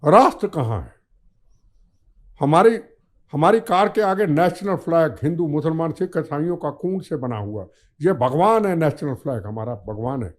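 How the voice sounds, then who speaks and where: An older man talks with heat and fire, building each point through insistent repetition. His voice sits high for a man. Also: expressive, normal speed. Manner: fiery, declamatory, repetitive rhetoric. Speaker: podcast guest, former minister. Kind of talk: impassioned political talk.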